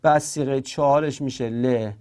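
A man's voice: medium pitch, steady tone, a little mellow. A man teaching Arabic grammar in Persian, spelling words out syllable by syllable and adding playful asides. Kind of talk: classroom lesson.

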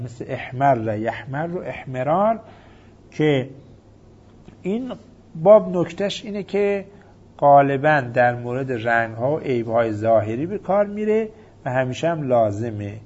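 A man's voice: mid-range voice, animated, darkish tone. A man teaching a grammar lesson, patiently reciting verb forms in methodical lists. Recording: dull lo-fi recording.

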